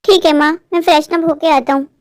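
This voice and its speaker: A lovestruck young male crow, voiced by a woman in a cartoon, eager and a little anxious as he pleads. The voice sits very high. The recording is dry and close. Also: steady tone, fast, darkish tone, no room sound, lightly acted. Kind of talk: cartoon voice acting.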